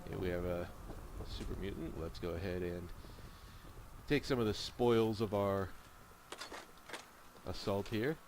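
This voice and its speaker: A man's voice: low-pitched, measured pace, long pauses. A man giving casual video game commentary, with rambling explanatory asides. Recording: steady background noise. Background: video game ambience and noise.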